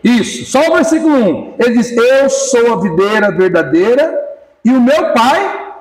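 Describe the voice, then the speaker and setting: A man's voice: extremely high pitch, echoey room, far from the mic, rough recording. A man preaching a casual sermon, joking and acting out little dialogues as he calls on people in the congregation by name. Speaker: pastor.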